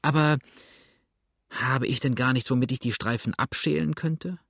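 A man voicing a small, brisk, callous male country doctor who talks in a clinical, eager way and often exclaims. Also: medium pitch, gravelly, fairly bright tone, slightly rough, dry recording, studio quality.

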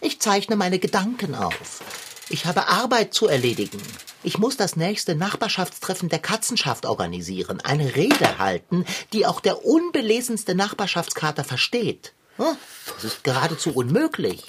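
A woman's voice: on the low side, very animated, moderate pace, background noise. A woman doing a pompous, fussy tomcat. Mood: self-pitying. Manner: pompous, theatrical complaining. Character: fussy, dramatic, self-pitying male tomcat. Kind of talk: children's audio drama.

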